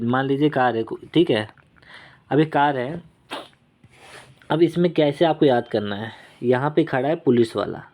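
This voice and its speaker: A man's voice: medium pitch, darkish tone. A man teaching exam vocabulary in a casual lesson, repeating key words and checking in with "okay?", joking about his own drawings. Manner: self-deprecating while drawing on screen. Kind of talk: casual Hindi-English exam lesson with mnemonics.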